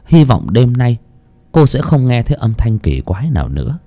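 A man's voice: medium pitch, very animated, moderate pace, dark tone. A man narrating an audiobook expressively. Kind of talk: storytelling narration.

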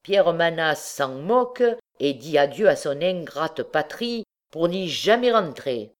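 Mocking bandit husband, gruff and sly, played by a woman reader. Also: deep voice, big pitch swings, takes it slowly, heavily acted. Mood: scheming. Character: coarse scheming male bandit husband.

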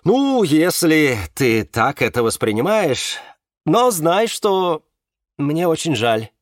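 A man's voice: fairly high pitch, very animated, slow, no echo, studio quality, pitched above the performer's own voice. A man doing a placating man on speakerphone. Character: soothing, evasive man on a speakerphone.

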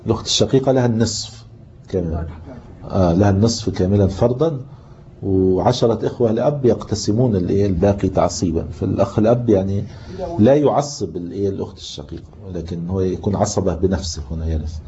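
A man's voice: deep voice, fast, dark tone. A man teaching Islamic inheritance law in a classroom lesson, with an Egyptian Arabic accent, explaining patiently and quizzing his students. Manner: explains patiently, asks the class questions, reads from the book. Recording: muffled lo-fi tape with faint hiss.

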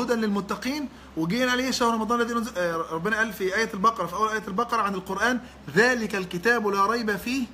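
Quick, high-voiced Egyptian Arabic teacher. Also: male voice, bright, forceful tone, slight background noise. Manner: explains with everyday examples, repeats key points. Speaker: teacher of Quran interpretation. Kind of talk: online religious lesson.

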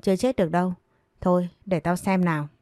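A woman's voice: lowish voice, steady tone, fairly quick, mellow, no room sound, soft background music, natural voice. A woman doing a mocking, cunning young maid. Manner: teasing, mocking.

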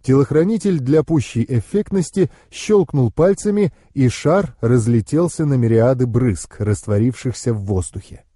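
A man narrating a first-person audiobook in a smooth, ironic storytelling manner. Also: mid-range voice, animated, moderate pace, hardly any pauses, warm tone, dry recording, studio quality.

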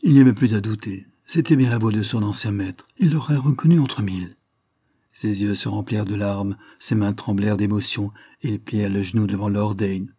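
A male audiobook narrator reads a novel in a steady, literary way. His voice is low, mellow and husky. The sound is dry, with no room around it. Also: normal speed, no echo. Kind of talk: scripted narration.

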